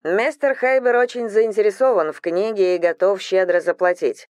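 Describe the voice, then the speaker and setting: A woman's voice: mid-range voice, steady tone, normal speed, darkish tone, no room sound, clean studio sound, close to an everyday voice. A woman reading the lines of an ingratiating male assistant of about thirty, who tries to keep his dignity. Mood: fawning. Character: fawning obsequious male assistant around thirty.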